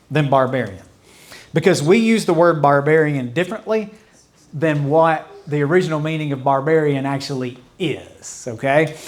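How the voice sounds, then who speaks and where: A fairly high-voiced man teaching a church Bible study as its pastor. He talks in a loose, conversational way, circling back to repeat his points and adding asides. At times he drops into babbling imitations that fade away. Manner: conversational, explains with repetition and asides; mimics mocking babble with fading repeats.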